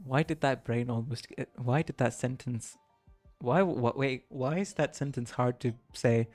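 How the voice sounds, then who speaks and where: A man in the middle range of pitch, talking through a game stream in a loose, chatty way, often laughing and stumbling over tricky words as he reads lines out. The sound is dry and close, with faint music underneath. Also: a little slow, a little mellow, no room sound. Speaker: livestreamer. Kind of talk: casual game stream, reading dialogue aloud.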